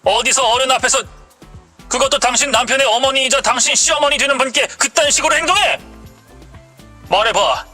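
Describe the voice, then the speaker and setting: A defensive husband in a narrated story, accusing and indignant, read by a woman. The delivery stays high and bright. Faint music runs beneath. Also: fairly quick, long pauses.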